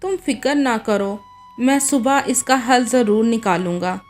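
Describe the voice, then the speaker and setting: Woman reading as young husband, storybook, hot-tempered, defensive, higher voice. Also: lively intonation, a little slow, soft background music. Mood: regretful. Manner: defensive, pleading. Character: young husband, quick-tempered then regretful. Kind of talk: read-aloud storytelling.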